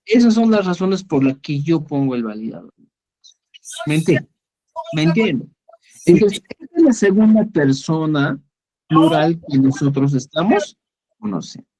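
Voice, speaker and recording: A patient male teacher on a video call, speaking slowly with a lively rising and falling melody. He keeps checking that his students understand, in an unhurried classroom manner. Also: on the high side, low-quality recording. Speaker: Quechua teacher. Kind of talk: online class explanation.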